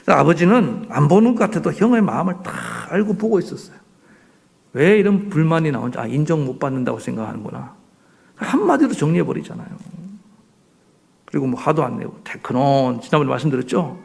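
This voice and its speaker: A male pastor preaching a sermon in a church, animated, asking the congregation rhetorical questions. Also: fairly high pitch, brisk, gravelly. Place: church sanctuary.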